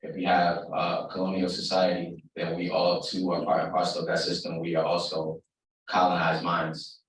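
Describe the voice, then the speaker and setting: A man's voice: sits low, monotone, moderate pace, a little hiss or hum. A man from the audience asking a long, earnest question at an open forum, with many fillers. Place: university lecture hall. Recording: echoey hall, speaker far from mic.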